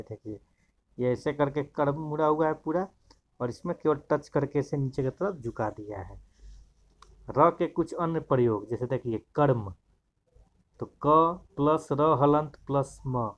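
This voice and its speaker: A man gives a grammar lesson at a middle pitch, explaining each point step by step. He keeps pointing his listeners to the examples in front of them. The recording sounds a little dull and lo-fi. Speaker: teacher.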